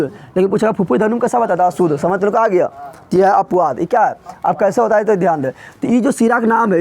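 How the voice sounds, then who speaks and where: A man teaches a class in a high, light voice. He explains in a colloquial, emphatic way and keeps firing short quiz questions back at his students. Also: a little mellow. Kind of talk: classroom lecture.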